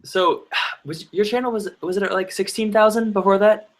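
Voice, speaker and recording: A man's voice: sits high, moderate pace. A man in his twenties in casual chat on a video call, chatty and laughing often. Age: 20s.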